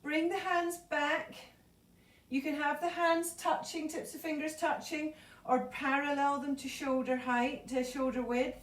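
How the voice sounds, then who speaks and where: A woman leading a yoga class, calmly cueing breath and movement, a little out of breath. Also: high-pitched, unhurried. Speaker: yoga instructor. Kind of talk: live online yoga class instruction. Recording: echoey room, voice from far off.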